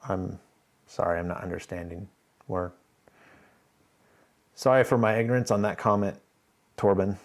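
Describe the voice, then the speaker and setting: This man's voice sits low and moves at a moderate pace, with frequent pauses. He's hosting a casual live stream, thinking aloud while he works and chatting easily with viewers.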